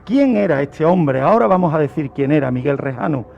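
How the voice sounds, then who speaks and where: A radio presenter from Spain with a high, gravelly voice narrates true crime, phrasing things deliberately and repeating words for emphasis. His intonation is lively. Music plays faintly behind him, and the highs in the audio are cut off.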